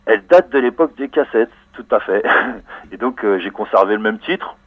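A man, a rapper answering interview questions in a relaxed way, with many fillers and restarts. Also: fairly low pitch, normal speed, no echo. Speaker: rapper guest. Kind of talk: casual radio interview answers. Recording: phone-like narrow dry line.

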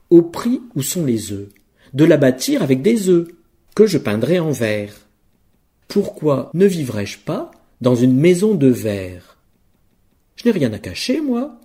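A man delivering an absurd comic monologue full of puns in a deadpan way. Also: husky. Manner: deadpan wordplay delivery, lively pitch.

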